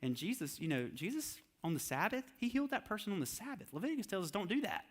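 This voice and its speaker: A man voicing a scheming religious leader who sways a crowd in a hushed, sly, persuasive tone. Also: mid-range voice, level tone, fast talker, clean tone, pitched below the performer's own voice, natural voice. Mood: conspiratorial.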